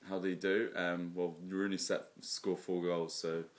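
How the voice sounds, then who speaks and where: A laid-back man co-hosting a casual football chat, often pausing with ums while giving his predictions. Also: low-pitched, level tone. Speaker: podcast co-host.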